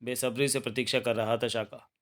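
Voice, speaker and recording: A man narrating a comic book aloud, telling the story dramatically. His voice sits at a middle male pitch. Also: flat delivery, fairly quick, a bit bright.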